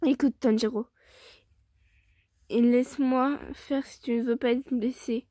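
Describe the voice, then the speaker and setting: A woman's voice: fairly high pitch, fairly even intonation, measured pace, warm tone, no room sound, studio quality, natural voice. A woman voicing a stern, protective young male swordsman who speaks firmly and bluntly, in a fan story read aloud.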